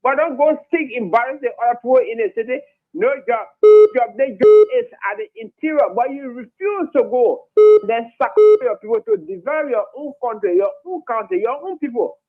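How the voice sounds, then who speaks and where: Liberian male caller, emphatic rambler, high pitch, heard over a clipped phone line. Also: sing-song, moderate pace, gravelly. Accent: Liberian English. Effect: clipped, poor phone line. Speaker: radio call-in caller. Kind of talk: heated call-in opinion.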